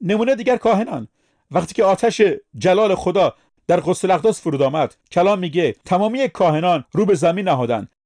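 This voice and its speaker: A man's voice: sits high, lively intonation, a little mellow. A man preaching a sermon, speaking emphatically and putting questions to his listeners.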